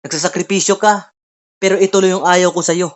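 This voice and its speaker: A woman's voice: lowish voice, steady tone, a little fast, muffled recording. A woman preaching earnestly at an online Bible study over a video call, often tagging her lines with a questioning "no?". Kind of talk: online sermon.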